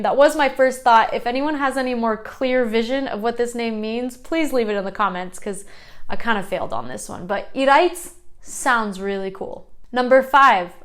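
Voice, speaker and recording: Chatty woman vlogger, fairly high voice. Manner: chatty and self-deprecating, laughs at her own mistakes. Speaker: channel host. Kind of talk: casual explainer vlog.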